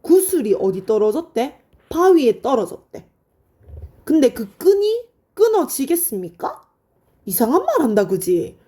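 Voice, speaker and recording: A woman teaching high school literature in an online lecture, explaining in a friendly, chatty way and answering her own questions. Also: sing-song, unhurried, mellow. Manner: asks students questions and answers them herself.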